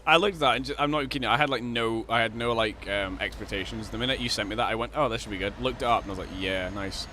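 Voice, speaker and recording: A man's voice: medium pitch, rapid-fire, few pauses, pushed and bright, a little hiss or hum. A young Scottish man from Glasgow chatting casually on a live game stream, rambling, swearing heavily and laughing often. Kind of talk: casual live-stream chat while gaming.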